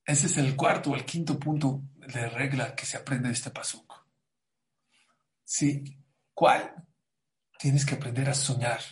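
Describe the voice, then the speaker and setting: A man giving a Torah class as a sermon, animated and preacherly, rising to loud emphatic bursts. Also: medium pitch, a little slow, pauses often.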